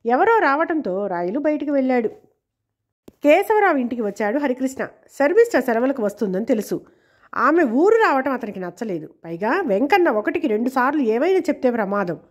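A woman storyteller reading a serialized novel in a steady, measured way. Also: sits high. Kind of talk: scripted narration of a serialized novel.

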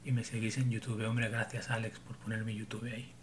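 A man in his forties from Barcelona, speaking at a fairly quick pace in a fairly low, level voice, chats casually with livestream viewers from a small room at home. He often rambles and mutters to himself, and there's a little hiss or hum.

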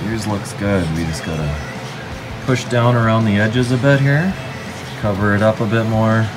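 A father in a home basement walking his kids through planting seedlings, explaining each step gently into a handheld phone camera. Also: fairly low pitch, normal speed, music in the background. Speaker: parent gardening with his kids. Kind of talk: casual home video.

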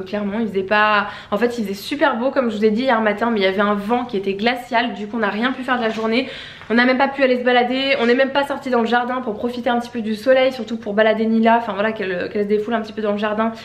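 A woman's voice: fairly high pitch, fairly even intonation, very fast. A young woman vlogging casually at home, chatty and rambling with many fillers. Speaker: beauty vlogger. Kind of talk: casual vlog chat. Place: at home, indoors. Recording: echoey room.

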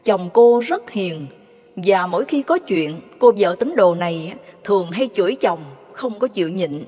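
A woman narrating devotional stories in a measured, reverent way. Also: mid-range voice, lively intonation, mellow. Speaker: storyteller. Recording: long hall reverb.

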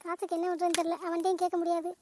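A woman's voice: extremely high pitch, monotone, very fast, a little mellow, slight background noise. A woman voicing a scolding, melodramatic middle-aged mother in a cartoon family drama. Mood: grumbling. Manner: nagging, melodramatic.

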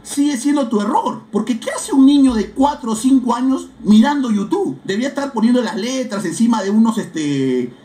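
A man with a Peruvian accent, a football fan streaming a casual live reaction, talking loudly in slangy, exclamatory bursts. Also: very high-pitched, expressive, normal speed, hardly any pauses, roomy sound. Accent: Peruvian Spanish. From Peru. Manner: loud, exclamatory, slangy, bursts into shouting and chanting. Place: seated indoors at home setup.

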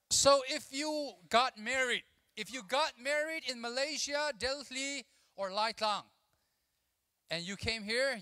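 Youth-conference preacher, thirties, male. High, bright voice, lively call-and-response delivery into a handheld mic, with a long reverb tail from the hall. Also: clear, resonant tone, clean studio sound. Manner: animated, mixes English with his own language, drills the crowd with call-and-response. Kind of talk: energetic sermon to a youth audience. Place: large church auditorium stage.

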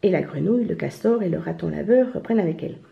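A woman reading a children's picture book aloud in a gentle storytelling manner. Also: fairly low pitch, lively intonation, fast, vocal fry. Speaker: storybook reader. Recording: roomy, slightly dull home recording.

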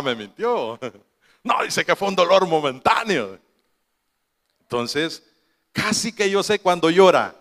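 A man's voice: high-pitched, vocal fry, a bit bright, in a large hall. A man preaching a sermon to his congregation, telling a family story with quoted voices and laughing asides. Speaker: pastor.

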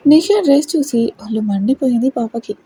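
Woman narrator, romance story reading, breathy, mellow. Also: sits high, expressive, a little fast, poor audio.

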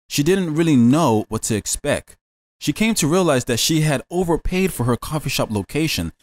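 Lively, earnest male course host. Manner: earnest, upbeat sales pitch. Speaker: business consultant and course host. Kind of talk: scripted motivational voice-over.

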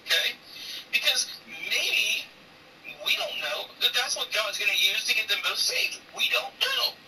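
A woman's voice: a little high, animated, unhurried, pushed and bright, far from the mic, slight background noise, poor audio. A woman in her forties chatting casually while streaming a game, blunt and profane and teasing, turning preachy when she talks about faith. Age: 40s. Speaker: gaming streamer.

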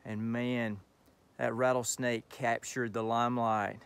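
A man's voice: mid-range voice, flat delivery, slow pace, vocal fry, smooth. A middle-aged man vlogging casually while hiking, chatty and upbeat, talking into a phone held at arm's length on a wooded trail. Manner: upbeat, chatty, self-encouraging. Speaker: thru-hiker vlogger. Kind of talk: casual selfie vlog. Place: outdoors on a wooded forest trail.

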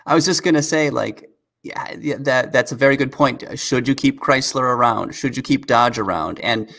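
A man co-hosting a car news recap, talking in a relaxed way with quick asides. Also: medium pitch, creaky. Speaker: co-host of a car news show. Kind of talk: casual news recap chat.

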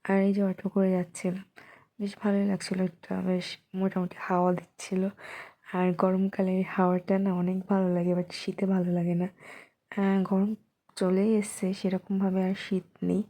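A young woman from Bengal, hoarse and rough-voiced, stumbling over words as she talks through a casual daily vlog. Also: medium pitch, monotone, fairly quick, dark tone. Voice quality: rough, cracking voice. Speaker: vlogger.

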